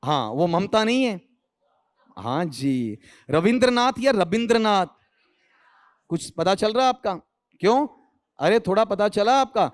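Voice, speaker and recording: A man from India leads an online exam-prep English lesson in a fairly high voice. He keeps throwing questions at his students and often answers them himself. He drops in teasing, joking asides along the way. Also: very animated, measured pace, pauses often. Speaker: English teacher.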